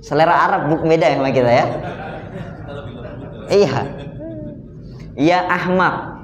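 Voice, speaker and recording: A man's voice: fairly high pitch, normal speed. A man teaching a religious study lecture, speaking to his listeners in a conversational way with rhetorical questions. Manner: addresses listeners directly as "sir". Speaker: Islamic teacher. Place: mosque hall. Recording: roomy, dull lo-fi recording.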